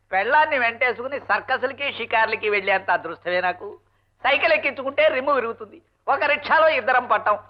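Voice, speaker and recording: An actor playing a henpecked husband and college lecturer, muttering sarcastic asides and barking commands, in an old film comedy. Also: male voice, extremely high pitch, lively intonation, fairly quick. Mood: grumbling. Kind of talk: 1970s Telugu film comedy. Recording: dull lo-fi film soundtrack.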